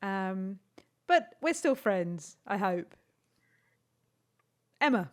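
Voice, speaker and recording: A woman playing in a tabletop game, chatting casually in a playful, unhurried way. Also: mid-range voice, sing-song. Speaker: player. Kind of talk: casual chat.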